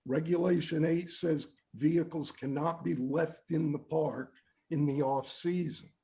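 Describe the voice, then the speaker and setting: A man's voice: on the high side, steady tone, unhurried, warm tone. A man reading his prepared statement aloud from notes as the complainant at a public hearing. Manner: reads steadily from notes.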